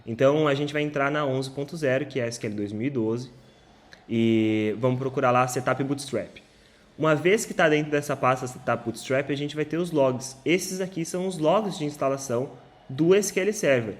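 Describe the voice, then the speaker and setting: A man's voice: mid-range voice, moderate pace. Casual man teaching tech. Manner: casual, many filler "ah"s and self-corrections. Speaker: instructor. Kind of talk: screen-share tech tutorial.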